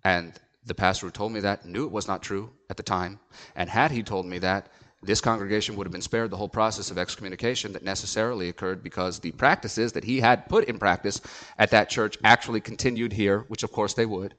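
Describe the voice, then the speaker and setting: A man's voice: on the low side, fairly even intonation, brisk, fairly bright tone. A man, a pastor, telling a story from the pulpit in an earnest, emphatic sermon.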